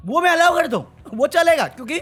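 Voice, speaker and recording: High-voiced man ranting about a reality show. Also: fast, soft background music. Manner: animated, mocking, switches to English phrases. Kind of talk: heated casual commentary.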